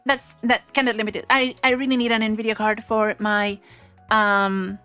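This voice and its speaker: A woman's voice: mid-range voice, level tone, normal speed, bright, forceful tone, clear, resonant tone, soft background music. A bubbly, hesitant woman hosting a casual programming livestream, her pronunciation slightly off from a swollen mouth. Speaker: livestream host.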